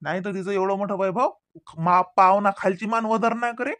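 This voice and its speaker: A bright, mid-pitched voice plays a defensive village man in a cartoon comedy, performed by a voice actor. He talks in a Vidarbha Marathi accent, stammering and repeating himself as he argues back. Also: steady tone, brisk, dry recording, natural voice. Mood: accusing.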